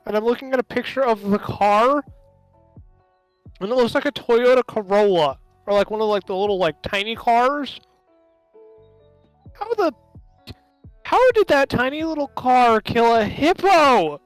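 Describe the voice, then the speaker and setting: A loud, excited voice pouring quick bursts of chatter into a computer mic on a voice call. The mic peaks, so the louder words clip and distort. Faint music plays underneath. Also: medium pitch, no echo. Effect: clipping, distorted mic from peaking. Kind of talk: casual chat on a voice call.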